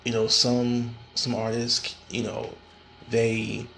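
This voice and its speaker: A podcast host with a gravelly, mid-pitched voice that's a bit bright talks slowly and in a monotone straight to his listeners in a casual solo episode. He frequently stalls, stammers, repeats words and restarts, with plenty of fillers. A faint hiss lies under the recording.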